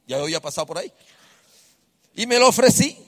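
High-voiced man telling a story to a crowd. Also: fast, long reverb tail. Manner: animated, addresses the audience directly. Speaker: speaker at a live event. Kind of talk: storytelling talk to an audience.

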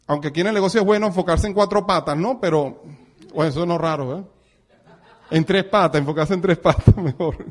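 A middle-aged man with a Venezuelan accent giving a motivational talk to an audience, animated and acting out little dialogues. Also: high-pitched. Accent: Venezuelan Spanish. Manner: animated, acts out dialogue, chuckles often. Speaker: network marketing speaker.

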